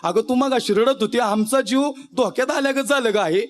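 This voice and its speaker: A man's voice: very high voice, moderate pace. A man acting out a worried village doctor who keeps asking a crying mother why she weeps. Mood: amazed. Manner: pleading, questioning.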